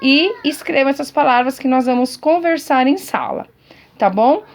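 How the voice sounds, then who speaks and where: A woman's voice: high voice, normal speed. Patient teacher woman explaining to pupils. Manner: patient, repetitive classroom explaining with frequent check-ins. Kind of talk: recorded lesson for pupils at home.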